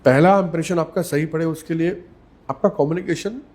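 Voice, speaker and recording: Measured, emphatic male communication coach. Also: on the high side, darkish tone. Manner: measured, emphatic, repeats key words, mixes English into Hindi. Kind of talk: podcast interview answers.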